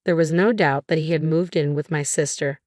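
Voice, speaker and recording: A woman narrating a first-person revenge story in a measured, scripted way. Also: sits low, fairly even intonation, a little mellow, dry recording, clean studio sound.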